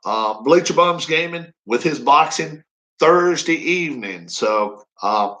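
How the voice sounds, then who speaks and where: A man's voice: a little high, animated, slow, a bit bright, poor audio. A man in his fifties chatting casually on a live stream, rambling and folksy with frequent chuckles. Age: 50s. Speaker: racing league streamer.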